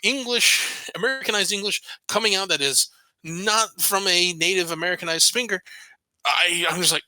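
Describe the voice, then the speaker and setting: A man's voice: sits high, normal speed, bright, forceful tone, no echo, low-quality recording. A man co-hosting a casual anime podcast, gushing enthusiastically and often restarting his sentences. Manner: enthusiastic, gushing, self-interrupting. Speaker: podcast co-host.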